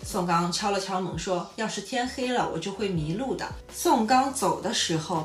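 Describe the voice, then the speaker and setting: A woman co-hosting a podcast, reading a novel aloud in a storytelling way with casual asides. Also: echoey room. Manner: reads steadily, laughs often, lively pitch on quoted lines.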